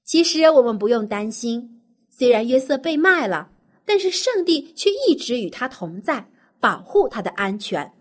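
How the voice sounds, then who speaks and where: A woman storyteller narrating a Bible story for small children, expressive and simple in her explanations. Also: fairly high pitch, moderate pace.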